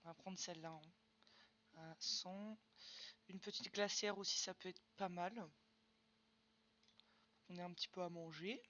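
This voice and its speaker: Casual young woman gamer talking to her chat, bright voice, slightly muffled recording. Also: lowish voice, fairly even intonation, measured pace, long pauses. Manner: chatty, answers chat questions, frequent fillers and "hop". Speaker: streamer. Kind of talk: casual live-stream chat while gaming.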